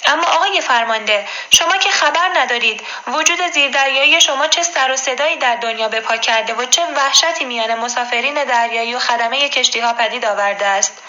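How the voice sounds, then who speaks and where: A woman's voice: a little high, bright, forceful tone, muffled recording. A woman voicing a polite, scholarly male professor who speaks in a friendly, conciliatory way, in a storybook reading.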